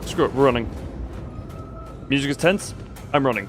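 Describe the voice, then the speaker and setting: A man streams a video game with live commentary, talking to himself and his chat in a wry, rambling style and often repeating his own phrases. His voice is medium-pitched at normal speed, with music playing in the background.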